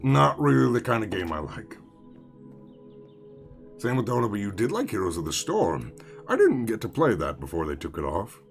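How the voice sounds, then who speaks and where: Casual male streamer: low, gravelly, very animated pitch, self-deprecating rambling. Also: normal speed, pauses often, faint music behind. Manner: rambling, self-mocking, swears casually, answers chat. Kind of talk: casual live-stream chat while gaming.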